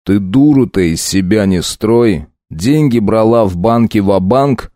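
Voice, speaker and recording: A man's voice: fairly low pitch, unhurried, mellow, no room sound, studio quality, close to an everyday voice. A man voicing a cold, mocking debt collector in an audiobook, speaking harshly. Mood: scornful. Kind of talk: audiobook reading.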